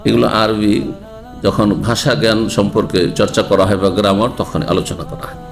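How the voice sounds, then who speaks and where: A man's voice: fairly low pitch, steady tone, brisk, creaky, faint music behind. A man, an Islamic scholar giving a religious lecture who explains and asks the audience rhetorical questions.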